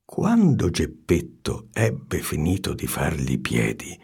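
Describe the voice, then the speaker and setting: Man, storybook reading, very husky voice, wildly swinging pitch, hushed asides. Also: wildly swooping pitch, slow.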